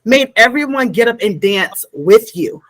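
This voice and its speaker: A woman's voice: fairly high pitch, expressive, measured pace, no echo. A woman in her thirties hosting a talk show, effusive and slangy, showering her guest with compliments. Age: 30s. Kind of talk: casual interview chat.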